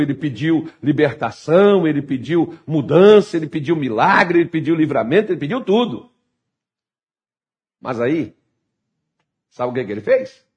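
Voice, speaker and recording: A pastor preaching a sermon, swinging from fervent shouting to hushed, urgent asides. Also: male voice, mid-range voice.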